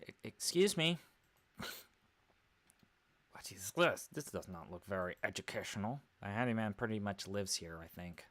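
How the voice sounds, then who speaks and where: A man's voice: on the low side, expressive, moderate pace, pauses often, a bit bright. A man playing through a visual novel and reading every character's lines aloud, switching between put-on voices and sometimes hammy accents. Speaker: let's play host reading game dialogue aloud.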